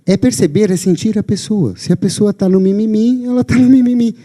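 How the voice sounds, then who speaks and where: A man's voice: high-pitched, a little fast, warm tone. A man with a Brazilian Portuguese accent giving a live lecture on a lapel mic, emphatic and often checking in with his audience. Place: lecture venue.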